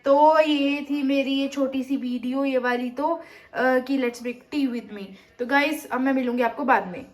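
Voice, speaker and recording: A woman's voice: sits high, steady tone, measured pace, echoey room, low-quality recording. A young woman with a sore throat who chats casually to her viewers in a home vlog, mixing in English words and calling her audience guys. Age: young adult. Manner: chatty, mixes Hindi and English, addresses viewers as guys. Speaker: vlogger. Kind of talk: casual vlog narration to camera. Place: family home, kitchen and rooftop.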